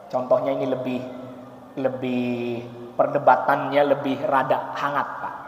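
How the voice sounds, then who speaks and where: A man preaching at a mosque study session, telling stories lively and acting out the quotes himself. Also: a little high, slight background noise. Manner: lively storytelling with mimicked quotes. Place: large mosque hall. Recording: echoey hall, faint ambience.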